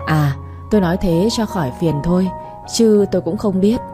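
A woman's voice: lowish voice, normal speed, music in the background, lightly acted. A woman voicing a curt young village man of few words. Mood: terse.

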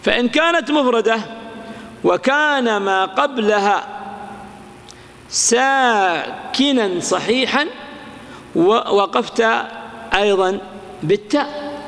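A man's voice: high-pitched, lively intonation, gravelly, a bit bright, in a large hall. A man teaching a class, explaining a grammar poem and quoting its verses, asking his students questions and answering them himself. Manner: slows down sharply on examples.

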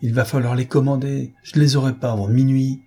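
A man voicing a wry, amused young man in an audiobook, with a husky voice. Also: mid-range voice, level tone, fairly quick, mellow, pitched above the performer's own voice. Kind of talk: audiobook character reading.

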